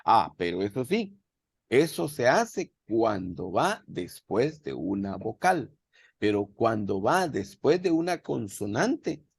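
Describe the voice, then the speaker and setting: A man's voice: lowish voice, gravelly, a little mellow, breathy edge, no echo, studio quality. A man teaching a language class over a video call, patiently repeating words so his students can follow. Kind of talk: virtual class explanation.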